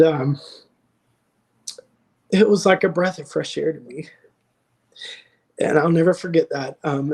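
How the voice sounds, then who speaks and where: Earnest man pausing to reflect. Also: a little high, a little mellow. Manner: earnest, reflective, many hesitations. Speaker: guest. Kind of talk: casual chat. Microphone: video call.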